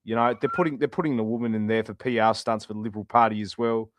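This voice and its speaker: A man's voice: lowish voice, fairly even intonation, fast talker, muffled recording, slight background noise. A man in his twenties co-hosting a sports podcast, blunt and opinionated, swearing freely. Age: 20s. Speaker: co-host. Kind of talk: casual sports podcast talk.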